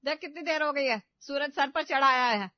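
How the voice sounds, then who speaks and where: A woman voicing an exasperated middle-aged mother-in-law who scolds loudly in a cartoon story. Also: medium pitch, normal speed, no room sound, dull audio, lightly acted. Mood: scolding.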